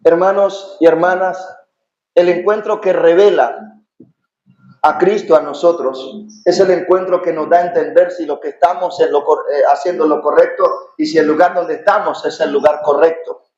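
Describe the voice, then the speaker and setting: A middle-aged man preaching a sermon as pastor, impassioned, often rising to shouts. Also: a little high, steady tone, moderate pace. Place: church sanctuary. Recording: echoey, dull church recording.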